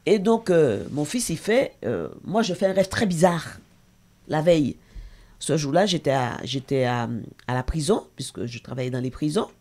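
A woman's voice: sits low, lively intonation, moderate pace, a little mellow. A middle-aged woman, a talk show guest and association president, giving an intense, emotional personal testimony with hesitations.

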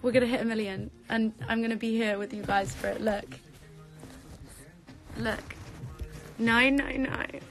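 A young woman talking to viewers on a live stream, close to tears, giggly and breathless, swinging between loud outbursts and soft sighs. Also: on the high side, steady tone, unhurried, vocal fry, long pauses, soft background music. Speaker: social media creator on a live stream. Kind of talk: emotional live stream chat.

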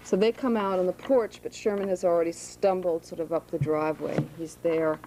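A woman author reading her own novel aloud to students in a high school room, with plain asides. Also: steady tone, a little fast, warm tone, slight background noise, rough recording.

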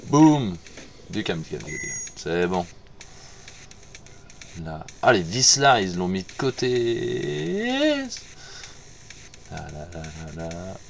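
A man's voice: low voice, very animated, slow pace, creaky, pauses often, a bit bright, slight background noise. A man gives casual commentary over his gameplay, muttering to himself, repeating words and swearing when he fails. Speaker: gamer playing on stream.

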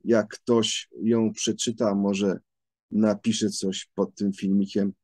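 A man talking through a book review in a thoughtful, halting way, pausing often with drawn-out hesitation sounds. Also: on the low side, level tone, mellow, no echo.

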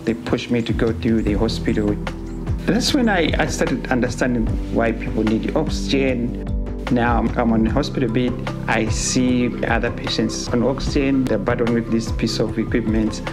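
A man's voice: mid-range voice, normal speed. A man who works as an oxygen engineer, telling his story plainly in a documentary interview indoors. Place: indoor room. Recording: interview with music bed behind.

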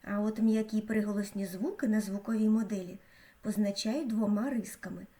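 A woman with a mellow, dark-toned voice narrates a school lesson. She speaks slowly and clearly, like a teacher, pronouncing each sound with care. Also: mid-range voice, steady tone. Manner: slow, clear, teacherly delivery with careful pronunciation. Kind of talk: scripted educational narration.

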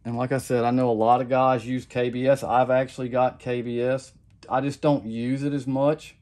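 Speaking with a mid-range voice at a moderate pace, a middle-aged man shows how it's done at his home workbench in a casual demonstration; he makes custom lures. His style is rambling, relaxed, and plain-spoken, with frequent repetition of "like I said."

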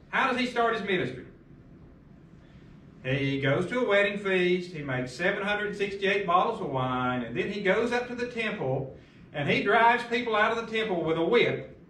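A man's voice: sits high, a bit bright, roomy sound, a little hiss or hum. A middle-aged man pastor preaching a sermon at a lectern, asking emphatic rhetorical questions, recorded by a far camera in a large carpeted church room.

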